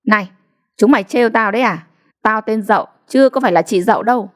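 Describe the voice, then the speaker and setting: Sulky fiery young wife as a woman reader plays her, sharp and indignant, voice pushed up high. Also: brisk, close to an everyday voice. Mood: angry.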